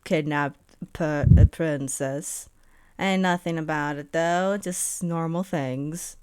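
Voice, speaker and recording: A woman voicing a weary old male farmer who mumbles flatly and sounds unbothered. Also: sits low, slow pace, clean tone, dry recording, voice pushed down.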